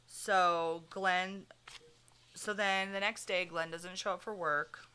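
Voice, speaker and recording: A woman's voice: on the low side, steady tone, takes it slowly, bright, forceful tone, a little hiss or hum. A woman hosting a podcast, telling a true crime story in casual chat, full of fillers and swearing. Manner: chatty, many fillers like "like", swears freely. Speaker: podcast host.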